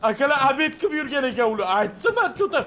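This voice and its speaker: A man chatting excitedly with friends during a co-op shooter game, teasing and exclaiming. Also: very high voice, rapid-fire, heavy background noise. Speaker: gamer playing with friends. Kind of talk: casual gaming chat. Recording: gameplay gunfire behind voice. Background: gunfire and game sounds.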